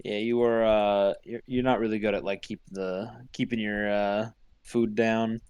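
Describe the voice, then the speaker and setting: Male player, slow and rambling, jokey, in casual tabletop chat. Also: on the low side, little pitch movement, darkish tone, smooth. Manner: rambling, stops and restarts, jokey.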